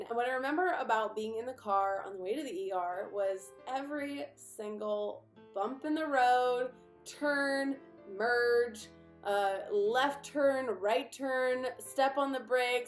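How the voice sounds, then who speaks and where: A young woman vlogger telling a personal story to the camera in a chatty, animated way. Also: medium pitch, echoey room. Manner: chatty and animated, with frequent fillers and asides.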